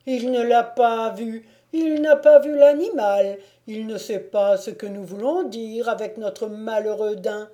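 An eager huntsman servant heaps blame on a suspect in an audiobook, voiced by a woman. The voice is slow and accusing, with a warm, dark tone. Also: fairly high pitch, lo-fi sound, close to an everyday voice. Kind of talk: audiobook reading.

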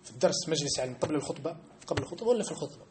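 A man leads a lesson in a mosque. His voice sits somewhat high, and he talks very fast. He argues his points and puts questions straight to his listeners. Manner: animated, argumentative, challenges listeners directly. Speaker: religious teacher.

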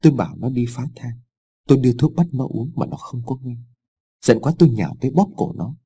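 A man's voice: mid-range voice, expressive, brisk, mellow, slightly rough. A man voicing a guilt-crazed old village father who stammers through a half-mad confession in an audiobook story.

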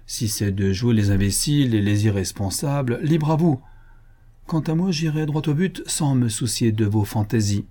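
A man's voice: mid-range voice, animated, normal speed, mellow, lightly acted. A man reading the part of a stern older male court president in an audiobook, questioning sharply. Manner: indignant questioning.

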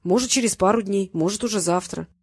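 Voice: medium pitch, brisk, husky, no room sound, studio quality. A reader voicing a fussy male doctor whose voice trembles with nerves. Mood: nervous. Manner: trembling, anxious. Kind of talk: audiobook character voice.

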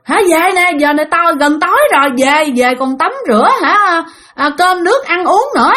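A woman voicing a fearless, foul-mouthed young village woman, scolding and yelling. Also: very high-pitched, normal speed, voice pushed up. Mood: exasperated.

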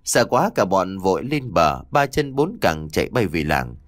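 A male storyteller tells a ghost story with a lively, swooping delivery. His voice sits at an ordinary pitch but rises and falls dramatically. The recording is close and dry. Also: moderate pace, no room sound.

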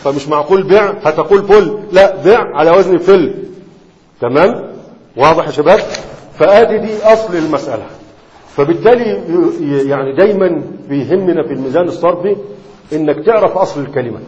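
A man's voice: fairly high pitch, darkish tone. A man with an Egyptian Arabic accent teaching a classroom lesson on Arabic morphology, often stopping to ask his students if they follow. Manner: keeps checking students' understanding with quick questions. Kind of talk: classroom lecture. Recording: reverberant hall, dull lo-fi sound.

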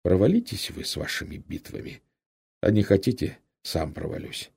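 Man doing a worn-out gunner, slow weak voice, dark gravelly tone. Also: low voice, very animated, full character voice. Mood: weak mumbling. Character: exhausted dazed young male gunner.

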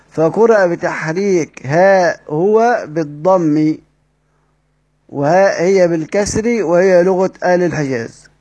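A man's voice: a little high, a little mellow, dull audio. A man with an Egyptian accent teaching a lesson step by step, reading out quoted passages and asking the class questions that he answers himself. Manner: explains step by step, asks the class rhetorical questions and answers them. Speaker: Quran recitation teacher.

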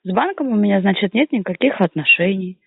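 A woman's voice: medium pitch, lively intonation, brisk, creaky, husky, no room sound. A woman arguing on a phone call as a customer, combative and sarcastic, cutting in on the other speaker. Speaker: bank customer answering a collection call. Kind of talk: argumentative phone conversation. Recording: narrow-band, muffled telephone line.

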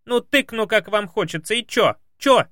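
A man voicing a loud, coarse, quarrelsome female housemaid who shouts in blunt, crude slang. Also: expressive, normal speed, no echo, studio quality, lightly acted. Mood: shrill, quarrelsome. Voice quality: shrill, shouting. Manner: blunt, crude colloquial speech.

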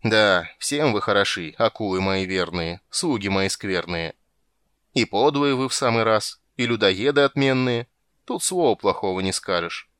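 A man's voice: fairly low pitch, lively intonation, moderate pace, a bit bright, clear, resonant tone, dry recording, studio quality. A man voicing a grumpy, capricious male sea king who grumbles and blusters in a storybook reading. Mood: blustering.

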